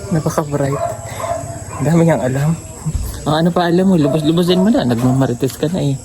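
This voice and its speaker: A woman in a casual family chat, teasing and amused, asking a child quick questions. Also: low-pitched, crowd noise. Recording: steady clear background noise.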